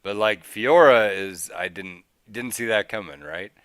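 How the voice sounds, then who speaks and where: Smooth-voiced joking man hosting a podcast. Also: lowish voice, measured pace, a bit bright, dry recording. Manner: joking, teasing banter. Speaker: podcast host. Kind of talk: casual podcast chat.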